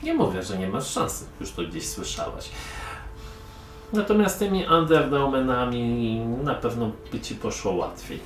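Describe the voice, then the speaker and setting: A man's voice: medium pitch, very animated, a little slow, a little hiss or hum. A man voicing a sarcastic, condescending young woman from a merchant family in a tabletop game. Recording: echoey room, mic far off, music behind.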